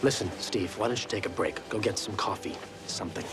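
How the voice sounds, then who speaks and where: Actor as a blunt, terse store supervisor. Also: male voice, on the low side, fairly quick, over music, lightly acted. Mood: firm. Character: gruff, practical male store supervisor. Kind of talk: naturalistic screen drama dialogue.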